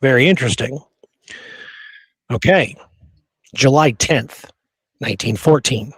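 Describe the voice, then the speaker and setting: A man hosts a history podcast, telling the story informally and conversationally while often checking in with the listener. His voice is medium-pitched, a bit bright and husky, with a measured pace and no echo.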